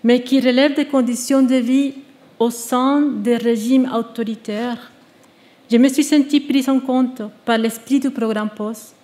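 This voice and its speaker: A woman, reading a prepared testimony on stage in a measured, earnest way, with small restarts. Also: fairly high pitch, steady tone, dark tone. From Venezuela. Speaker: exiled researcher giving a testimony. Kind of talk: prepared speech read to an audience. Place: stage at a live public event.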